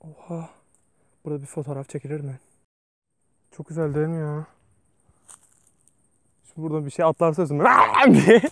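A man's voice: a little high, flat delivery, fairly quick, pauses often, mellow, no echo. A man vlogging outdoors while walking through a forest alone, nervous and joking, talking to himself and to viewers. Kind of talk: casual vlog while hiking alone.

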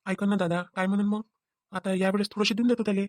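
Woman voicing a fast-talking cartoon husband. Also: medium pitch, fairly even intonation, a little mellow, no echo, clean studio sound, lightly acted. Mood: anxious. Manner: fast, pleading and questioning. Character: young husband short of money.

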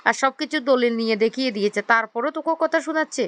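A woman's voice: on the high side, fast, natural voice. A woman voicing a commanding middle-aged mother-in-law who scolds the household. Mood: scolding. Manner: sharp, commanding, reproachful.

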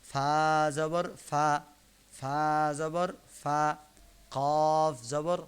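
A man with a fairly high, smooth and clear voice teaches a Quran reading class. He speaks unhurriedly, drawing out each syllable and repeating it patiently so learners can follow along. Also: steady tone, very slow. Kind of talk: online lesson teaching Arabic letters. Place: online live class broadcast.

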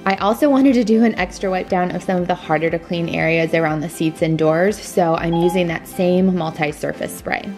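A woman's voice: on the low side, moderate pace, hardly any pauses. A woman in her thirties talking through a car cleaning vlog, chatty and upbeat, speaking to her viewers. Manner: chatty, upbeat, addresses viewers as "you guys". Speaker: lifestyle vlogger. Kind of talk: cleaning vlog voice-over and chat to camera. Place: inside a parked car. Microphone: phone or camera held at arm's length. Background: background music.

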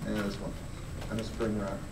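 A middle-aged man, a fur grader, gives a plain-spoken live grading demonstration to an audience in a large indoor hall, often telling them to look closer. His voice is on the low side and monotone at a normal speed, with heavy background noise. A camera far off picks him up in the echoey hall.

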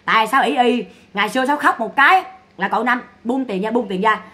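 A woman's voice: on the high side, fast, pushed and bright. A woman giving mocking, scolding gossip commentary. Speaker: online commentator.

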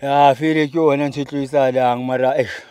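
A middle-aged man with a South African accent talking casually as an interview guest in a car, halting and full of slang. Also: mid-range voice, steady tone, a little mellow, clear, resonant tone, no echo. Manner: halting, peppered with slang address terms. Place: inside a parked car. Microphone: handheld microphone.

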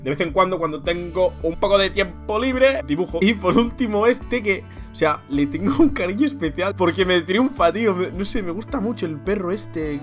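Lively young Spanish man vlogging. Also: high voice, normal speed, few pauses, soft background music. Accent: Spanish from Spain. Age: young adult. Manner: animated, jokey, laughs often, says "tío" a lot. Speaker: youtuber. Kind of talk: casual vlog reading comments.

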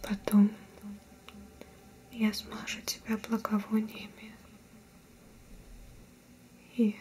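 A young woman voicing a mystical sea-cult priestess in a whispered role-play, speaking in a hushed, solemn, reassuring way over background ambience. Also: medium pitch, completely flat delivery. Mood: soothing, reassuring. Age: young adult. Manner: slow, hushed, reverent, reassuring. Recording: whispered recording with clear background noise, ambience.

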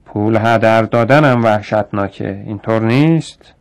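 A man's voice: on the low side, natural voice. A man voicing a stingy, grumbling male shopkeeper in a radio story.

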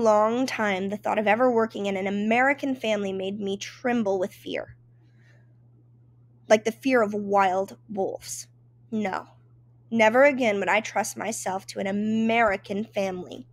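A woman's voice: fairly high pitch, dry recording. A woman reading a first-person memoir aloud in an emotive, dramatic storytelling manner. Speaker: reader.

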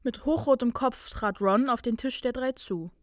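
A woman reading a fan story aloud in a calm, even storytelling manner. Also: on the high side, moderate pace, dry recording, clean studio sound. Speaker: fanfiction reader.

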